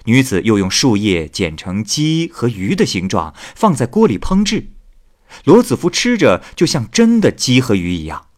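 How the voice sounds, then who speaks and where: A man's voice: medium pitch, normal speed. A man narrating a classic tale expressively, voicing each figure himself. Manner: expressive, lively, voices every figure. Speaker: storyteller.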